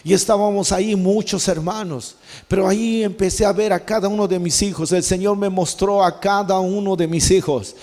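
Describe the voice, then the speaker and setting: A man pastor tells his testimony as a sermon, his voice high and mellow. He slips into slow, pleading prayers. The sound carries the long reverb of a church hall. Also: fairly even intonation.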